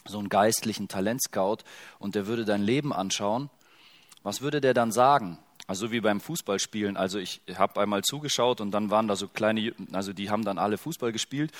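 A middle-aged man preaching a sermon as pastor, in a casual, joking and conversational way, putting many direct questions to his listeners. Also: on the low side.

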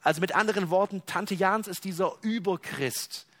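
A male preacher giving a sermon, telling a story and swinging between hushed and emphatic delivery. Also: high voice, normal speed.

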